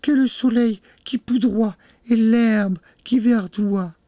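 Storybook figure: a young sister on watch voiced by a man, high falsetto, calling out, dry sound. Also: slow, mellow, no room sound. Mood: anxious. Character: young woman, anxious sister keeping watch. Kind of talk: storybook reading.

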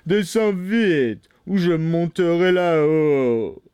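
A man voicing a cruel, merciless nobleman, shouting slowly and loudly with menace in a storybook reading. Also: a little high, animated, clean tone, no room sound, voice pushed up. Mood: menacing. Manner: slow, loud, menacing shouting. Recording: dry studio sound.

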